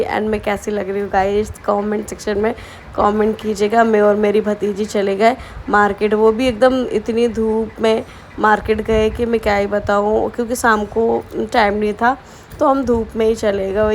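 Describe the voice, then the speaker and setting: A young woman from Bihar chatting casually to her viewers in a daily vlog, teasing and talking directly to them. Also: mid-range voice. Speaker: vlogger. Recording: faint background noise.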